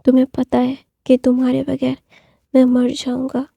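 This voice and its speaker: A woman's voice: sits high, monotone, moderate pace, vocal fry, mellow, slightly rough, no room sound, heavily acted. A woman voicing a pleading young emperor. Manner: pleading, repeating himself. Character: lovesick young male emperor, tearful and pleading.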